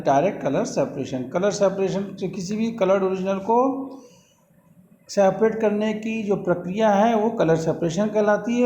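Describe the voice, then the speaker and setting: Male lecturer, high voice, slow deliberate read-outs of definitions, roomy recording. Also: a little mellow, slight background noise. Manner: explains in Hindi, reads English definitions slowly. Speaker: polytechnic lecturer. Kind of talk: classroom lecture video.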